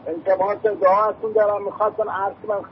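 A man's voice: high-pitched, little pitch movement. A man in his fifties calling in by phone to a live religious broadcast, speaking politely and earnestly. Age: 50s. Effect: phone caller heard over the broadcast. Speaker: caller to a live religious TV show. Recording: tinny phone line with faint noise.

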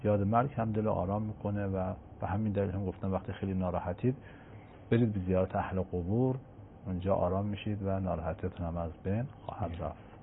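Cleric: gravelly, low-voiced man, measured, quoting scripture, heard over a tinny line. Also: steady tone, a little hiss or hum. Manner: measured, quotes scripture in Arabic. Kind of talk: religious answer to a caller. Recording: tinny phone-line sound.

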